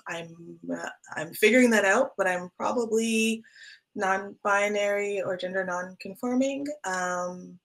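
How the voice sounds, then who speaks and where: A young woman guest in a casual interview, speaking thoughtfully with pauses. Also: on the low side, a bit bright.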